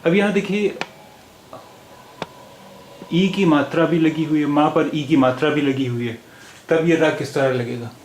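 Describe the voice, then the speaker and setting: A man teaching a language lesson, pausing on fillers and repeating each word several times. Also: fairly high pitch. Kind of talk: slow explanatory lesson. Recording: echoey room with faint hiss.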